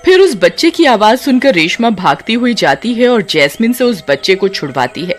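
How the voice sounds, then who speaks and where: A woman's voice: mid-range voice, sing-song, moderate pace, soft background music. A woman narrating a scripted horror story with dramatic delivery, voicing the characters herself. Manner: dramatic, voices several characters.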